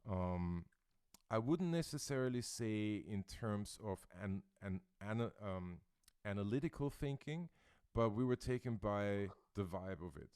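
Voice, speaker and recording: A man's voice: fairly low pitch, lively intonation, measured pace, a little mellow, clear, resonant tone, no room sound, studio quality. A male host from Austria chatting in an interview, thoughtful and searching for his words. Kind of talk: casual interview chat. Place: Brooklyn, New York.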